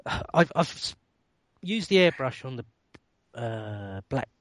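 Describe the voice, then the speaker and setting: Co-host, mid-pitched, chatty and meandering, a bit distracted, close dry sound. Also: male voice, sing-song, slow, fairly bright tone, dry recording. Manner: rambling, distracted while painting miniatures. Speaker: podcast co-host. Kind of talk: casual chat.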